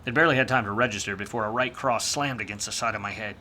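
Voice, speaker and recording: Here the same kind of cynical 1940s private detective, boozy and quick with a quip, is voiced by a man at a fairly low pitch who speaks very fast. The acting is light, the slangy, sardonic narration wry and brooding, and background noise is audible.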